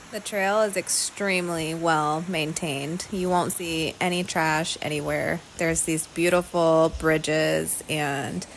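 A woman's voice: low voice, slight background noise, rough recording. A young woman vlogger narrating a day trip in a casual, upbeat way, gushing and saying "like" a lot. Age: young adult. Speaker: travel vlogger. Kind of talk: casual travel vlog narration.

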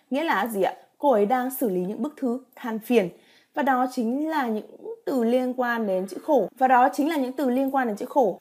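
Teaching vocabulary, a Japanese woman reads sample sentences and then explains them patiently, using rhetorical questions to make sure students follow. Her voice is slightly high, somewhat dark in tone, and a bit breathy.

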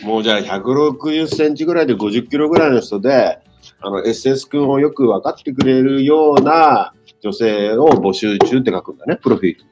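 A man hosting a casual talk with students, teasing them in a rough, blunt way. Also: mid-range voice, fairly quick, music in the background. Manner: brusque, teasing, rough-spoken. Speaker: free school counselor hosting a talk.

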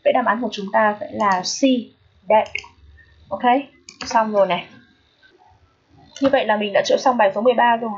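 Vietnamese woman, English teacher, husky voice, mid pitch, keeps asking if students follow, dull lo-fi recording. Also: steady tone. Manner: checks in with listeners often; repeats each word slowly. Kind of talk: phonetics lesson.

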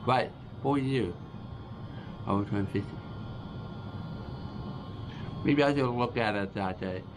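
A deaf man in his forties talks slowly and haltingly to a close camera, restarting his phrases as he goes. His voice sits a bit low. A clear hiss runs under the home recording. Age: 40s. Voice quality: deaf speaker's speech. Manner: slow, halting speech with restarts and signing hands. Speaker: vlogger. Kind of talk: casual vlog talk to camera. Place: small dim room with a starry backdrop. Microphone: camera close in front of face.

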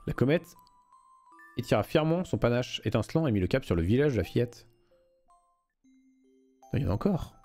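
Mellow-voiced male streamer, casual. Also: medium pitch, big pitch swings, fairly quick, pauses often, soft background music. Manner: casual, swears freely, chatty with chat. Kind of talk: live gameplay stream, reading aloud and chatting with viewers.

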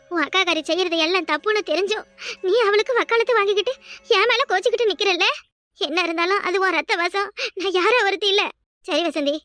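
A woman's voice: extremely high pitch, a bit bright. A woman voicing a troubled married woman whose husband lies unconscious, pleading emotionally in a cartoon dub. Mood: hurt. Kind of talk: cartoon dubbing.

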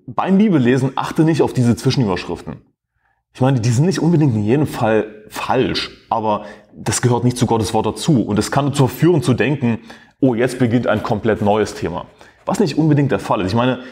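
A man gives a Bible teaching with a mid-pitched voice. He argues step by step and leans on rhetorical questions. His tone is emphatic and pointed. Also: darkish tone.

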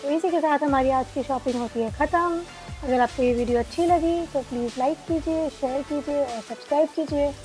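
A woman from India chatting softly in a casual grocery shopping vlog, heard a little away from the camera. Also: sits high, fairly quick, over loud music, rough recording. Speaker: vlogger. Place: indoor warehouse store.

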